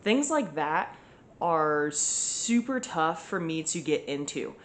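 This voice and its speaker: A woman's voice: low voice, lively intonation, slow, a little hiss or hum. A young woman chatting casually through her day at home for a vlog, rambling with lots of fillers. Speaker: vlogger.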